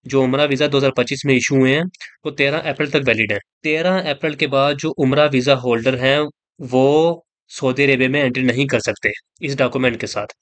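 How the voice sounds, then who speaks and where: A man talks through his explainer vlog in a loose, conversational way, circling back over his points and sprinkling in English words. His voice sits at an ordinary middle pitch. The sound is dry and close, with no room echo. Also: fairly even intonation, a little fast, a bit bright. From Pakistan. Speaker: vlogger. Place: in Saudi Arabia.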